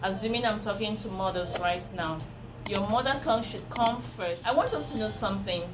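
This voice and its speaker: Music plays under heavy background noise as a woman with a Nigerian accent and Igbo as her first language speaks fairly quickly in a mid-range voice. She's a parenting vlogger addressing the camera with earnest advice, restating key points for emphasis.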